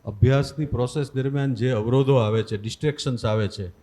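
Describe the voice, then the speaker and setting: Mellow-voiced moderator man. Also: mid-range voice, fast talker. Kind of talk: relaying audience questions.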